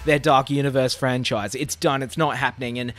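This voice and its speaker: A man's voice: mid-range voice, fairly even intonation, a little fast, over loud music. A young Australian man ranting casually about bad movies, sarcastic and exasperated, swearing often. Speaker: movie reviewer.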